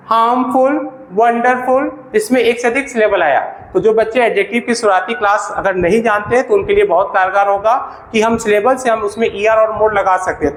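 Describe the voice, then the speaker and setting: A man's voice: sits high, roomy sound, low-quality recording. A man with an Indian accent teaching an English grammar lesson for exam preparation. He keeps asking questions and answering them himself. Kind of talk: classroom-style grammar lesson.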